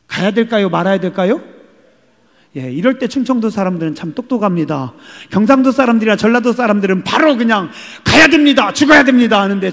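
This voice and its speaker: A male pastor preaching a sermon, firing questions at the congregation and swinging between loud calls and hushed words. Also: sits high. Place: church sanctuary. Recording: long hall reverb.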